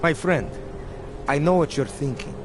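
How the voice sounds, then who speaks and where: An actor playing a corrupt, officious checkpoint policeman in a video game, with a deadpan, threatening manner. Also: on the high side, moderate pace, lightly acted. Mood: slick, coaxing. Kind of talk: video game character dialogue. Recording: noisy outdoor urban street with vehicles.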